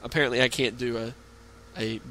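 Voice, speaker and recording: Bright-voiced man over noticeable background noise. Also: mid-range voice, little pitch movement, brisk, poor audio. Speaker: podcast co-host. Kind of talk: casual banter.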